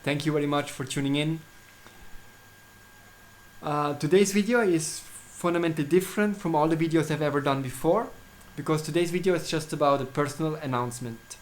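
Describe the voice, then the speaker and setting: A man from Switzerland who grew up speaking German talks casually in English in a solo video about his astrology services. He has a fairly high pitch and often stalls, using fillers and starting over.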